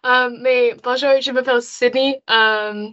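A woman's voice: a little high, fairly even intonation, a little slow, bright, forceful tone. A young woman from Nova Scotia, an English speaker and university student, talking chattily in a casual discussion. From Nova Scotia, Canada. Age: young adult. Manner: chatty, with filler "comme". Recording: dull lo-fi sound.

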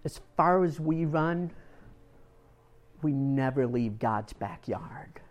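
Slow-spoken earnest preacher man. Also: mid-range voice, darkish tone. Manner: storytelling, earnest, repeats words when moved. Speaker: pastor. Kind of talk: sermon.

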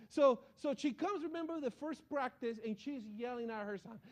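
A man with a notably high voice preaches to his congregation. He is a middle-aged pastor who tells personal stories with animation and often restarts his sentences as he goes. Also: moderate pace. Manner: animated storytelling with frequent restarts.

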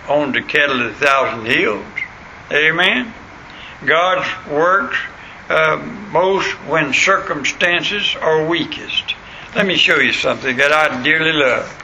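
A man's voice: on the high side, bright, forceful tone. A man with a rural American accent and a plain, untrained country voice, preaching a folksy sermon with stories, scripture and questions to his listeners. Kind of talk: sermon with anecdotes and scripture reading. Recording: clearly noisy recording.

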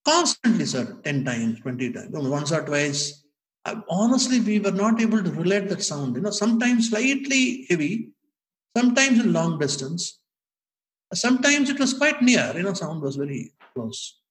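An older man with an Indian accent telling memories in an animated, emphatic, conversational way, often addressing the listener as sir. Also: high-pitched, normal speed, low-quality recording. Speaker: former bank inspector telling memories. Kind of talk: conversational storytelling.

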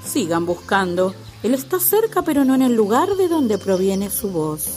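A woman's voice: medium pitch, moderate pace, faint music behind, voice pushed up, natural voice. A woman voicing a cheerful, teasing male elephant in a storybook. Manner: teasing, lively.

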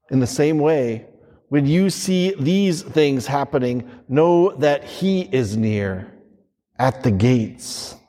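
A priest reading the Gospel and preaching in a slow, measured liturgical manner, his voice carrying a long cathedral-like echo. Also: on the high side, darkish tone. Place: large church. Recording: church hall with long reverb.

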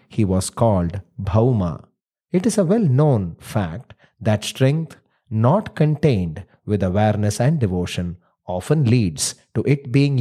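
Storytelling host: male, South Indian accent, mellow tone, Indian English phrasing, light music underneath. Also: fairly low pitch, slightly rough. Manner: uses Tamil words and Indian English phrasing. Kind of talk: scripted storytelling and playful family dialogue.

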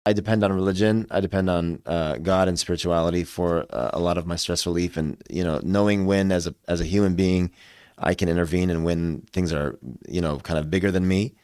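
Deep-voiced, halting man in his forties. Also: fairly even intonation, darkish tone, dry recording, clean studio sound. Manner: halting, hesitant phrasing. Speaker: interview guest, surgical oncologist. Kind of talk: conversational interview answers.

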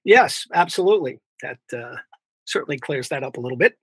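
A podcast host from New York with a bright, tense, fairly high voice. He asks his questions casually and fills the gaps with fillers, and the recording is dry and close. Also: expressive, a little fast, husky, dry recording. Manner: conversational, many fillers. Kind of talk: podcast interview.

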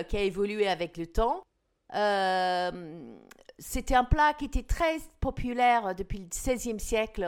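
Female host, mid-pitched, chatty and explanatory, casual cooking talk. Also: clean tone. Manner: chatty, explanatory, frequent fillers.

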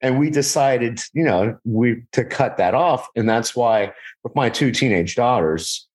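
A man's voice: mid-range voice, animated, measured pace, a little mellow. A man in his forties, a podcast guest, talking casually with lots of restarts and repeated words. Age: 40s. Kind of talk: casual conversation.

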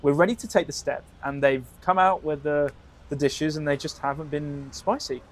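A man's voice: a little high, fairly even intonation, normal speed. Upbeat man telling travel stories. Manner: rambling, upbeat, with restarts. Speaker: podcast co-host. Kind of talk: casual travel storytelling.

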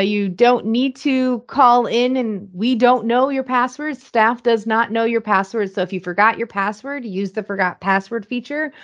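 A woman with a somewhat high voice, co-hosting a podcast in a friendly, conversational way. The sound is a little dull and lo-fi. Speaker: podcast co-host. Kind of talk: casual podcast talk.

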